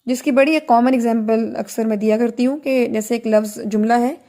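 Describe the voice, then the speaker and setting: A woman with a high, light voice teaching a recitation class. She explains things patiently and slips English terms into her sentences. She puts weight on key words and checks in with her students through questions. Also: steady tone, warm tone. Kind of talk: lecture to students.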